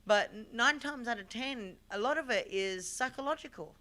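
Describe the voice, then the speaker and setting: A woman hosting a live call-in talk show, talking in a loose, animated way and often repeating herself. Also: on the high side, normal speed. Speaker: show host. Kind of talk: casual live call-in chat.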